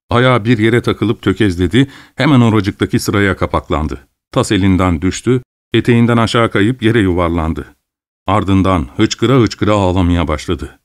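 A man narrating a story in a steady, measured audiobook reading. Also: fairly low pitch, dry recording, clean studio sound.

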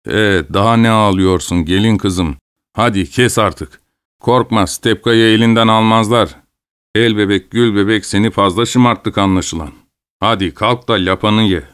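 A man voicing a sly old peasant father who talks in a gruff, scolding way. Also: fairly low pitch, fairly even intonation, normal speed, a bit bright, no room sound, studio quality, close to an everyday voice.

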